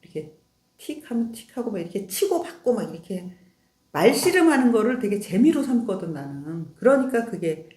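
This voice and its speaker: A woman's voice: mid-range voice, very animated, moderate pace, a little mellow. A middle-aged woman in a casual talk with her husband, teasing, laughing often and asking "응?" to check he follows. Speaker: wife in a couple's talk. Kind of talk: casual chat. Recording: roomy echo.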